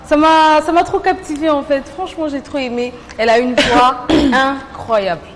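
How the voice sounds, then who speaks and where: A woman from Congo co-hosting a casual TV chat show, lively and encouraging, laughing often. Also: high voice, moderate pace, slight background noise. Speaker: TV co-host. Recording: long reverb, faint ambience.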